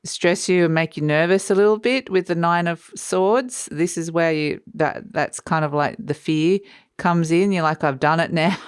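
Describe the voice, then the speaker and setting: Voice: medium pitch, moderate pace, clean tone, no room sound, clean studio sound. A tarot reader giving a casual, unscripted mystical horoscope reading, speaking conversationally and encouragingly straight to the listener.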